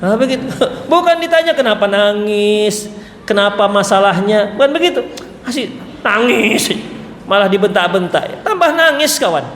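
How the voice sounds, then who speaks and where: Guy preaching in a mosque, high voice, lots of echo, jokey storytelling. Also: moderate pace. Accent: Indonesian. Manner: lively, joking asides with acted quotes. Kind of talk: mosque sermon. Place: mosque hall. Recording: echoey hall, faint room noise.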